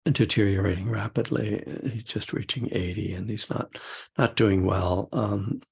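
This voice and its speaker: Older male meditation teacher, very husky and gravelly, loose rambling talk with chuckles. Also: on the low side, steady tone, a little slow, a little mellow. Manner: rambling, chuckling often, many fillers. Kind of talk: casual dharma talk.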